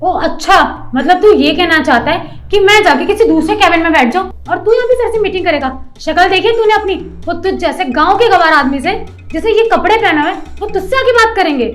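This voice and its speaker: A woman's voice: extremely high pitch, expressive, fairly quick, a bit bright, soft background music. A woman playing a rude, haughty office manager in a short skit, talking down and scolding. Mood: scornful. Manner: scolding, bossy, condescending.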